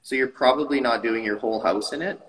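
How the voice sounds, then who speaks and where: A man's voice: mid-range voice, quick pace, big-room sound, poor audio. A man in his thirties, a tile company owner, talking enthusiastically on a video call from his showroom. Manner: enthusiastic, animated hand gestures. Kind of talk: casual interview talk. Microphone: video call webcam.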